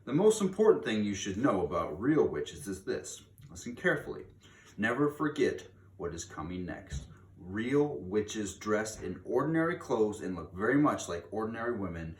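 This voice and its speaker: This man reads a children's story aloud with big swings in pitch, his voice on the low side and his pace normal. He is theatrical and emphatic, stretching key words for drama, and the recording is distant, echoey, and noisy.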